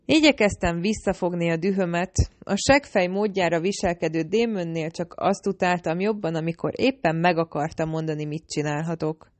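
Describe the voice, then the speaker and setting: Egy nő, aki élénken, kifejezően olvas fel egy hangoskönyvet egyes szám első személyben. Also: female voice, on the low side, a little mellow, no room sound. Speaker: audiobook narrator. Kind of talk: first-person audiobook narration.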